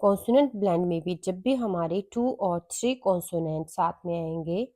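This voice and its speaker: A woman with an Indian accent teaching a children's phonics lesson, sounding out letters one by one in a careful, deliberate way. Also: lowish voice, mellow. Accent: Indian English.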